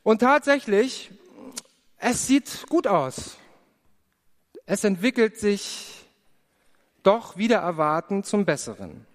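A man giving an earnest personal testimony in a sermon, telling his story with prayerful pauses. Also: high voice, sing-song. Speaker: preacher. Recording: long hall reverb.

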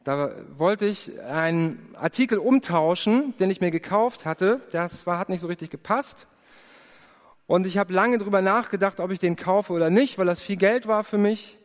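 Man, preacher, high voice, earnest confessional testimony, long hall reverb. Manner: earnest, confessional storytelling with prayerful pauses. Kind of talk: personal testimony in a sermon.

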